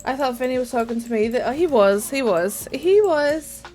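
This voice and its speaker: A young woman chats casually on a gaming stream in a fairly high voice. She swears freely and jumps up into squeals when excited. Soft music plays faintly under her. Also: moderate pace. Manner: bubbly, swears freely, greets chat warmly.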